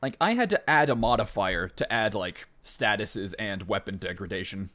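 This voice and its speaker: Talking at a normal speed, a man narrates his gameplay for a let's play in a loose, rambling way. He fills gaps with fillers, cuts himself off, and his voice leaps higher in moments of excitement.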